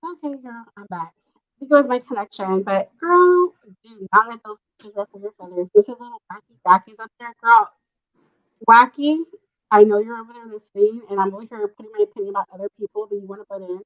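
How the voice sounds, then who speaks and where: A woman's voice: mid-range voice, expressive, quick pace, no echo. Woman on a muffled, tunnel-like call. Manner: confrontational, keeps calling others "girl". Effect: muffled, tunnel-like call audio. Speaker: guest on a live call-in stream. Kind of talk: heated casual chat. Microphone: phone or computer on a video call. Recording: muffled dull online call line.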